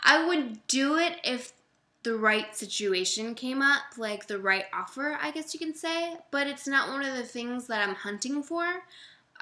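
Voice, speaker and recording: A woman's voice: medium pitch, bright, forceful tone. A young woman chatting casually on a livestream, answering viewers' questions and making fun of herself. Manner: chatty and self-deprecating, laughs often; uses "y'all" and loose fillers.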